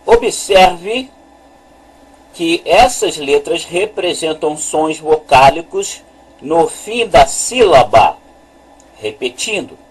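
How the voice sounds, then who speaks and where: Man, fairly high voice, unhurried teacher who repeats each point. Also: breathy edge, poor audio. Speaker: religious teacher. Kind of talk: slow screen-share lesson.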